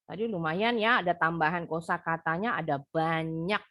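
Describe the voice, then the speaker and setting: A woman's voice: fairly low pitch, moderate pace, fairly bright tone. A young woman with an Indonesian accent teaching an English class over a video call, patiently explaining and repeating words for pronunciation.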